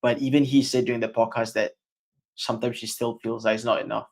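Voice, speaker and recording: A man's voice: medium pitch, little pitch movement, fast, creaky. A man interviewing a guest in an informal, conversational way. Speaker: podcast interviewer.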